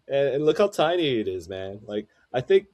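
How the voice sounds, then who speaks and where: A man co-hosting a casual podcast chat. He rambles in a halting way, with many restarts and stammers. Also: medium pitch, big pitch swings, a little mellow. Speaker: podcast co-host.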